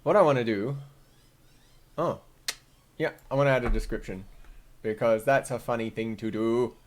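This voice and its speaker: A man hosting a live stream, chatting in a rambling, self-mocking way and thinking out loud while he works on his computer. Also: mid-range voice, normal speed, slight background noise.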